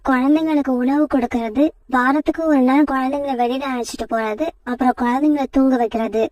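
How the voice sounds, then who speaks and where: A woman narrating a cartoon storybook in a calm, even way. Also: high-pitched, dry recording, distant mic.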